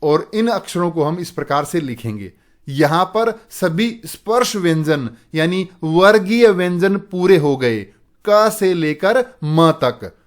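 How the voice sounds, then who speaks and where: A man from India explaining a Sanskrit alphabet lesson to students, pausing to repeat syllables slowly and clearly. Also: on the high side, lively intonation. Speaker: Sanskrit teacher.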